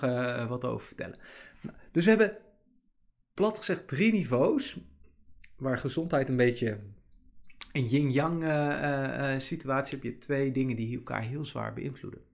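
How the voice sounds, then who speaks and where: A man's voice: mid-range voice, vocal fry. A man, hosting a casual podcast monologue, chatty and rambling with many fillers. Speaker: podcast host.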